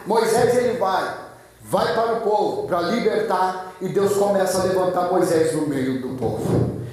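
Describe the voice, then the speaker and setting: A high-voiced pastor preaches fervently, hammering his points with repetition. His voice booms through a very echoey church, heard from far off the mic. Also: lively intonation, moderate pace, darkish tone. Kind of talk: sermon.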